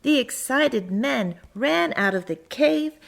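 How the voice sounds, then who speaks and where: A woman voicing a friendly, curious little garden mole who tells a children's storybook tale in first person, with expressive, sing-song storytelling. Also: sits high, slow pace, creaky, pitched above the performer's own voice, exaggerated voice. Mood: earnest wonder.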